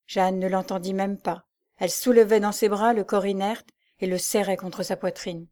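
A woman narrating an old serialized novel in a measured, suspenseful audiobook reading. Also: mid-range voice, fairly even intonation, a little mellow.

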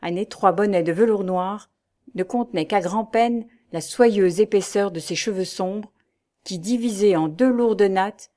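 A woman reads a classic novel aloud as an audiobook narrator. Her reading is measured and clear. It has an even literary flow. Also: lowish voice.

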